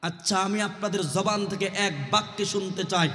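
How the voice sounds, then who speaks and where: A male preacher giving a waz sermon, swinging from soft storytelling to shouted appeals to the crowd. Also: sits high, moderate pace. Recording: echoey loudspeaker sound with long reverb.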